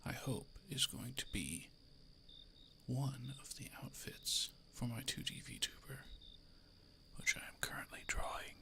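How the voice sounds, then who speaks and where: A man whispering casual, chatty ASMR into a close microphone, breathy and soft, with self-amused asides. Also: medium pitch. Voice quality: breathy whisper with creaky edges. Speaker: ASMR artist and host. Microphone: close microphone through an audio interface.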